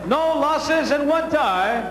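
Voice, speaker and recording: A man's voice: extremely high pitch, lively intonation, extremely slow. A man working as a boxing ring announcer, making formal, declamatory introductions and drawing out the boxers' names. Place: indoor boxing arena over loudspeakers. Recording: echoing arena PA, long reverb, noisy.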